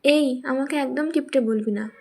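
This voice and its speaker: A woman's voice: high-pitched, normal speed, gravelly. A woman voicing a stingy, scolding old grandmother. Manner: scolding, snappish.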